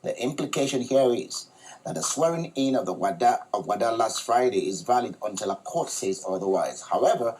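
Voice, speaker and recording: A man hosting a studio talk show, reading a news report in a measured, formal way. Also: mid-range voice, expressive, a little mellow, breathy edge, rough recording.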